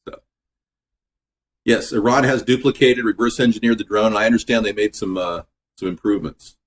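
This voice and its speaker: A man hosting a casual home cooking video in his kitchen, chatting in a relaxed, rambling way that drifts off topic. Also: fairly low pitch, normal speed. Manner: relaxed, filler-heavy talk. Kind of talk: casual cooking vlog chat.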